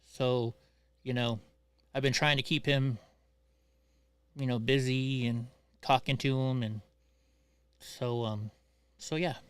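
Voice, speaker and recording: A man's voice: medium pitch, steady tone, slow, long pauses, clean tone, dry recording. A man with a missing front tooth chatting casually on a livestream as co-host.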